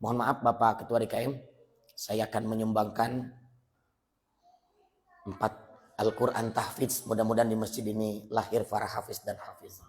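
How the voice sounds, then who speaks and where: A man's voice: on the low side, flat delivery, moderate pace, long pauses, a little hiss or hum. A man with a Sundanese accent preaching a morning sermon in a mosque, telling stories and calling out to the congregation. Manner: storytelling, switching to loud chanting calls.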